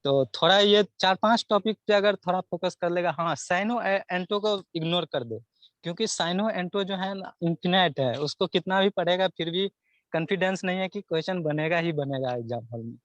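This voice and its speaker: A man's voice: sits high, normal speed, fairly bright tone, no echo, highs cut off. A young man, giving earnest advice as a student guest in an interview, often repeating himself as he lists topics. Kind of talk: casual interview answers.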